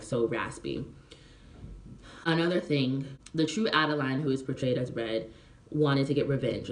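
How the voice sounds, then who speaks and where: Rambling reviewer in an echoey room. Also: medium pitch. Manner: rambling, filler-heavy, checks if the listener follows. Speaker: movie reviewer. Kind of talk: casual plot explanation. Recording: roomy echo.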